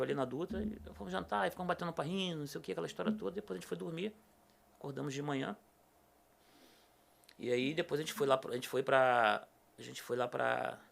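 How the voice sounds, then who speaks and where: A gravelly, somewhat high voice belongs to a middle-aged podcast guest from Rio de Janeiro state, Brazil. Chatting casually, he shares a personal story and animatedly acts out the quoted dialogue.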